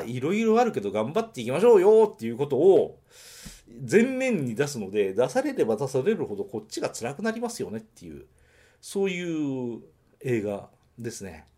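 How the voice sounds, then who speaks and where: A man from Nagoya talks through a film review on his podcast in a loose, casual monologue. His pitch rises and falls freely, and he drifts off on tangents and corrects himself mid-sentence. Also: mellow. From Nagoya, Japan. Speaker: podcast host reviewing films.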